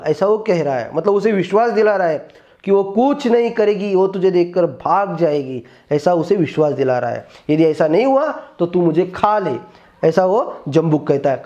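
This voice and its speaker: A man's voice: high voice, animated, moderate pace, warm tone, lo-fi sound. A man teaching Sanskrit. He reads each line of a text and then explains it word by word in Hindi.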